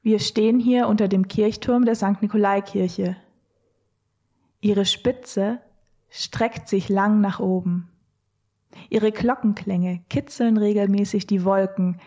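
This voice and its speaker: A woman narrates an audio walk in a soft, mellow voice. She takes her time, letting each poetic line settle. The delivery is scripted and dreamy. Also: mid-range voice.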